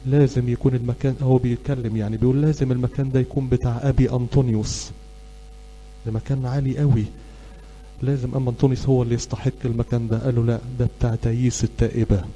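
A middle-aged man with an Egyptian Arabic accent delivers a sermon in a very dark, mellow voice. He keeps tossing questions to his congregation and waits for them to finish his lines. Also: medium pitch, rough recording. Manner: call-and-response questioning, asking "what?" for the congregation to finish. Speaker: preacher.

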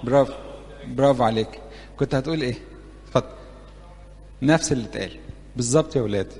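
Playful Egyptian preacher in a reverberant hall. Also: male voice, mid-range voice, racing, a little mellow. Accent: Egyptian Arabic. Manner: conversational, playful, keeps asking the audience questions. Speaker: church preacher teaching youth. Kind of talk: interactive sermon. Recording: long reverb of a large hall.

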